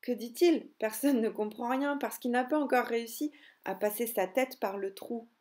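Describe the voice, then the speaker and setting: A woman reading a children's picture book aloud in a clear, expressive storytelling voice. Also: a little high, normal speed.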